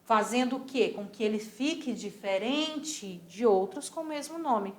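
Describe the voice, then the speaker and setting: Brazilian lady teacher doing a spanish class, says words slow and twice, bit high, roomy echo. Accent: Brazilian Portuguese. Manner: patient, models pronunciation by repeating words slowly. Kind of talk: recorded school lesson.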